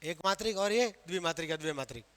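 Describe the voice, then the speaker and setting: A man's voice: fairly high pitch, animated, rapid-fire, a bit bright, clean tone. A man with a Rajasthani Hindi accent teaching a grammar class, quizzing students with questions he answers himself. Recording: long reverb of a hall.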